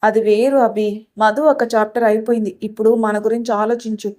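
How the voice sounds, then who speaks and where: A woman's voice: fairly high pitch, level tone, normal speed, darkish tone, lightly acted. A woman voicing a young woman in love who pleads emotionally with the man she wants to marry. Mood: pleading.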